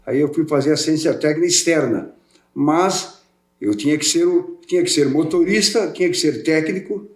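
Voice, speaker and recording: An older man from Portugal who grew up in Brazil chats as a guest on a podcast, a welding specialist in a casual interview. His voice is a little high at normal speed, and he rambles, repeating and restarting words, in a room with a roomy echo.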